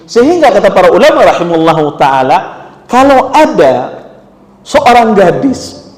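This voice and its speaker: A man with a Banjar Indonesian accent preaching in an animated, conversational way, with local phrases. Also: high-pitched, normal speed. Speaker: Islamic preacher. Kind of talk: sermon. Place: prayer room. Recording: echoey prayer room, long reverb.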